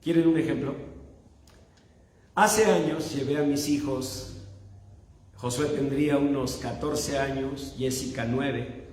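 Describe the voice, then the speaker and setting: A middle-aged man with a Mexican accent, a pastor telling a self-mocking, animated story during a sermon. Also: medium pitch, slow, long pauses, a little hiss or hum. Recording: echoey hall with long reverb.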